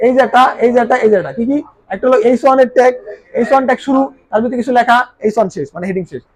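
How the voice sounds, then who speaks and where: A man's voice: very high-pitched, racing, a little mellow. A male teacher, giving a recorded class lecture and answering his own questions. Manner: quizzing questions he answers himself.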